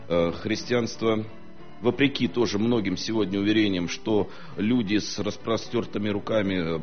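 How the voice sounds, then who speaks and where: A man with a fairly low voice speaks as a historian on a studio talk show, delivering measured lecture-style remarks with many hesitations. The sound is lo-fi.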